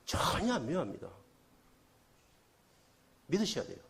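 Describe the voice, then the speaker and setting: Animated Korean man preaching. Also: a little high, moderate pace, vocal fry. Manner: animated, asks the congregation questions. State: slight cold. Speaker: guest revival preacher. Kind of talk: sermon with storytelling.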